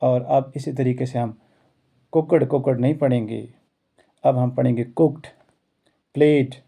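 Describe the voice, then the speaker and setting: A male schoolteacher from India, not a native English speaker, speaks with an earnest, motivational drive. His voice is gravelly and dark. He builds his points through repeated rhetorical phrases. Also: mid-range voice, steady tone, normal speed. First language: not English; self-taught English. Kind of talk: motivational talk to students and teachers.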